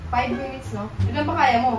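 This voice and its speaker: Woman, extremely high pitch, exclaiming casual chat, far from the mic, background music. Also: a little fast. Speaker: vlogger doing a challenge. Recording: echoey room, distant mic, music behind.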